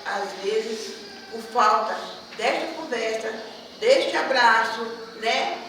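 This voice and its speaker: A woman from Brazil speaks at a community gathering, telling stories in a chatty, animated way and often tossing in little questions to the listeners. Her voice sits somewhat high. She is picked up from a distance in a very echoey hall, with noise clearly audible behind her. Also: slow pace. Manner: chatty, animated storytelling with frequent tag questions. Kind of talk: storytelling at a public event. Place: event hall.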